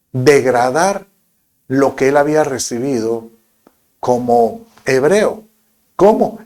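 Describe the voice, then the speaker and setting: Pastor guatemalteco de voz algo aguda. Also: male voice, fairly high pitch, a little mellow. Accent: Guatemalan Spanish. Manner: conversational preaching with quoted voices and anecdotes. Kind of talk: sermon.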